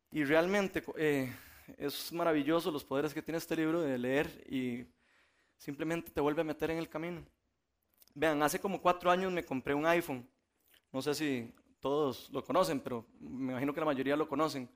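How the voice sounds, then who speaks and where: A man delivers a sermon in a loose, conversational storytelling manner, often breaking into laughter. His voice sits fairly high for a man. He comes across as a preacher chatting with his congregation more than orating.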